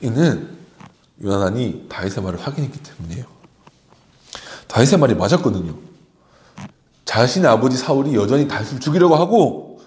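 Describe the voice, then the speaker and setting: A man leads a children's service, retelling a story with plenty of animation. His pitch sits in the middle but rises and falls with a wide, lively range. He often speaks directly to the young listeners. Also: brisk, pauses often. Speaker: children's pastor.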